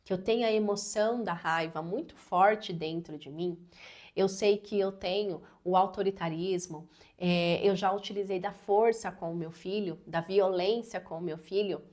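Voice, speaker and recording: A woman's voice: mid-range voice, normal speed, darkish tone. A woman in her thirties talking earnestly and personally as a parenting educator, with many casual fillers. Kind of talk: advice talk to camera.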